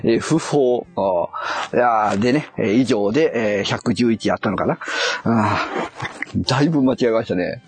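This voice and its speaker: A man's voice: on the low side, normal speed, breathy edge. A man on a casual live stream, muttering and puzzling aloud as he reads a kanji quiz and corrects himself.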